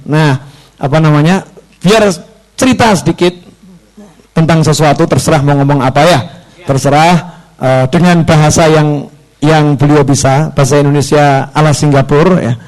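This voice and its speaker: A man preaching a lively Islamic sermon with a Javanese accent, his voice hoarse from a cold, joking and acting out the dialogue in his stories. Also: fairly high pitch, moderate pace, poor audio. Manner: joking, acts out dialogue in the story.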